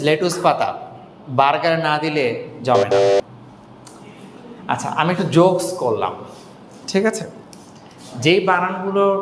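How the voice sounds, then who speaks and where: A man teaching English pronunciation in a casual, joking way, slowly repeating words to model how they sound. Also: a little high, echoey room, big-room sound, slight background noise. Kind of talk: casual spoken lesson.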